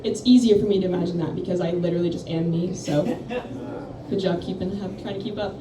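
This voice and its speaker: A young woman performs a rambling, self-deprecating stand-up set into a handheld mic at a campus coffeehouse. Her voice is on the low side, steady and fast, captured by a distant, echoey room mic with lots of noise.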